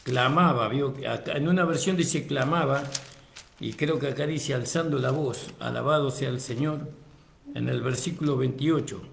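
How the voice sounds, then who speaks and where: A man preaching a sermon, reading scripture aloud and calling his listeners brother, lifting his voice for emphasis and then dropping low. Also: moderate pace, creaky, reverberant, slight background noise. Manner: addresses listeners as brother, frequent praise interjections.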